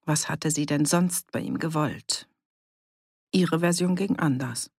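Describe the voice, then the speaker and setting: An audiobook narrator reading a village novel in even, measured scripted narration. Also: medium pitch, creaky, breathy edge, no room sound, studio quality.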